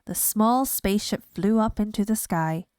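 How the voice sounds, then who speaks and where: A woman reading a children's picture book aloud in a slow, clear storytelling manner. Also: mid-range voice, a little mellow, no room sound. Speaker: reader.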